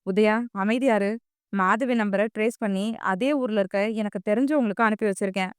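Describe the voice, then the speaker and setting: A woman's voice: medium pitch, a little fast, clear, resonant tone, no echo, clean studio sound, natural voice. A woman doing a tense urgent young man. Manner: urgent, commanding.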